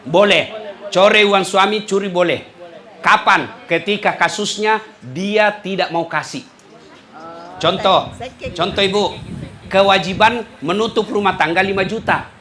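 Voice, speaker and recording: A man's voice: sits high, a little slow, pauses often, bright, forceful tone. A middle-aged man preaching a humorous sermon in an Indonesian Makassar accent, chuckling often and speaking straight to his listeners. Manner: joking, chuckling, addresses the audience directly. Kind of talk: humorous sermon to a live audience.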